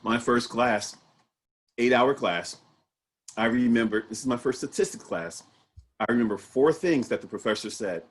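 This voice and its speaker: A male talk show host with a husky, slightly breathy voice at an ordinary pitch for a man. He talks in a relaxed, conversational way. He keeps checking details with his guest and asking him to confirm them. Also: normal speed. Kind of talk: casual interview.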